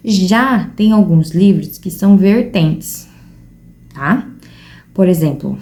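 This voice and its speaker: A woman's voice: lowish voice, expressive, slow, dark tone. A young Brazilian woman with a Brazilian Portuguese accent, talking earnestly and casually to her viewers at home, seated at a table. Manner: earnest, conversational, addresses viewers directly. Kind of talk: casual reflective talk to camera.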